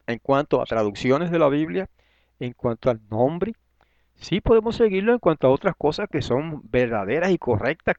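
A man teaches from the Bible, emphatic and conversational, leaning on rhetorical questions to his listeners. His voice sits at a middle pitch and is close and dry. The recording is a little dull and lo-fi. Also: dry recording.

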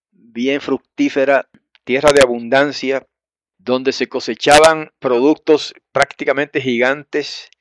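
A man's voice: mid-range voice, highs cut off. Man preaching a conversational Bible lesson. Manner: conversational, addresses listeners as brothers, frequent tag questions; explains and repeats words, with pauses and restarts. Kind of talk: Bible teaching sermon.

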